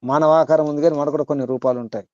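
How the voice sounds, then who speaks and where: A man teaching to a group on a call, asking listeners direct questions and reciting verses slowly. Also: on the high side, fairly even intonation, darkish tone, no room sound, muffled recording. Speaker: spiritual teacher. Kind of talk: teaching over an online call.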